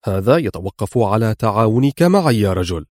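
A man's voice: on the low side, animated, fast talker, darkish tone, no echo, clean studio sound, natural voice. A man voicing a fearless male hero agent who speaks in stern, clipped commands.

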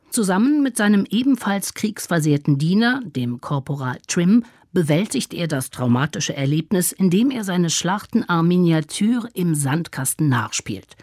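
A radio presenter reading a scripted feature narration, calm and measured, close to a studio mic. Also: mid-range voice, no room sound.

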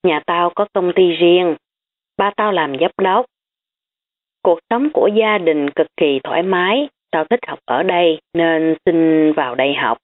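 Woman reading a defensive rich girl, sharp tongue; low voice, phone-like line. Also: a little slow, lightly acted. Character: rich girl hiding her wealth, defensive. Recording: tinny phone-like audio.

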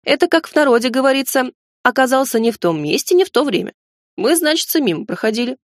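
A woman's voice: high voice, animated, quick pace, no room sound, clean studio sound, voice pushed up. A woman reading an audiobook, voicing a chatty, nervous male goblin servant who is undead and talks in a rambling, folksy way.

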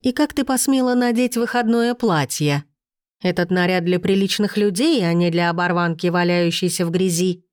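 A woman voicing a cruel, haughty noble stepmother who speaks with venom and turns shrill. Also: moderate pace, no room sound, clean studio sound, natural voice. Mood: scornful.

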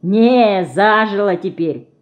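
A woman's voice: medium pitch, slow, natural voice. A woman voicing a sly, cocky teenage boy in an audiobook.

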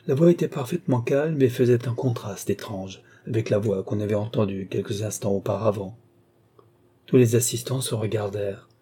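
A man narrating an audiobook novel in a measured, even storytelling manner. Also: fairly low pitch, breathy edge. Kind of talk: scripted narration.

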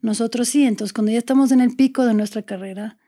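A woman's voice: on the high side, fast, mellow. A woman in her forties, an actress speaking as a podcast guest, earnest and reflective as she talks in long, searching sentences. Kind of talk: candid conversational interview.

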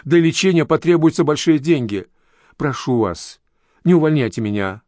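A man's voice: on the high side, animated, moderate pace, a little mellow, no room sound, lightly acted. A man reading an audiobook, voicing a desperate young woman who pleads tearfully and later shrieks in anger. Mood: pleading.

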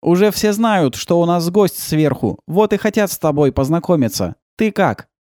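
Male narrator voicing a gentle alien, high, slow and earnest, dry audiobook read. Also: expressive, dry recording, natural voice. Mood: friendly. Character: gentle alien male creature, polite and eager.

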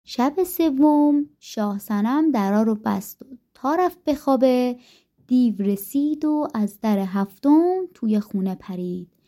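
A woman narrating a folktale audiobook in a gentle, rhythmic storytelling manner, recorded on a studio mic. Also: on the high side, lively intonation.

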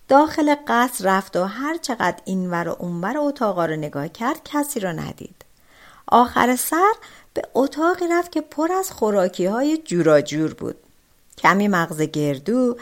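Expressive woman telling a folk tale. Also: medium pitch. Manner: expressive, dramatic storytelling. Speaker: audiobook narrator. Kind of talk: storybook narration.

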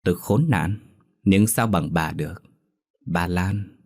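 A man's voice: low-pitched, takes it slowly, heavily acted. A man voicing a drunken, sneering husband who taunts and blackmails his wife with contempt in a ghost story. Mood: coldly menacing.

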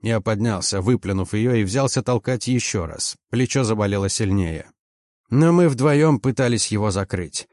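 A man's voice: fairly low pitch, moderate pace, a little mellow, no room sound, clean studio sound. A man narrating a first-person audiobook in a tense, driven manner.

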